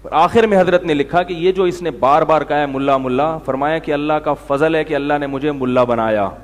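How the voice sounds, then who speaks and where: A man's voice: fairly high pitch, in a large hall. A man preaching a conversational sermon in Urdu with a Pakistani accent, telling anecdotes and acting out what people said. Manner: storytelling, acts out quotes with shifting voices. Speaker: Islamic preacher.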